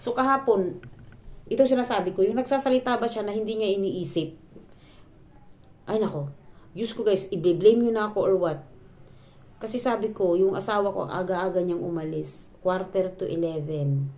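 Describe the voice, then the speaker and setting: A woman's voice: medium pitch, moderate pace, pauses often, darkish tone. A woman from the Philippines, vlogging at home, venting to her viewers in a rambling way, full of fillers and restarts and dropping in English words. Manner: exasperated venting. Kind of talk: casual chat to viewers.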